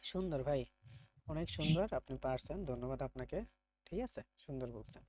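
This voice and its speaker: A man's voice: a little high, fairly quick, a little mellow. A man teaching an online beginner German class, calling on students by name, praising them and patiently explaining pronunciation.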